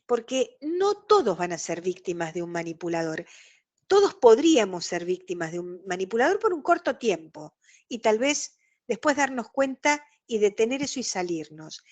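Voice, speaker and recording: Here a Rioplatense-accented woman talks at normal speed, her medium-pitched voice very animated. Over a video call she gives an online lecture that explains things, and she performs quoted dialogue along the way.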